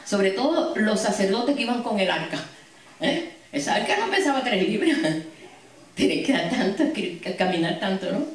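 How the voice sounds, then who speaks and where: A woman's voice: medium pitch, big pitch swings, normal speed. Woman preaching in an echoey church hall. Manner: storytelling, addresses the congregation with frequent asides. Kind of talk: sermon. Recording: echoey hall, distant mic.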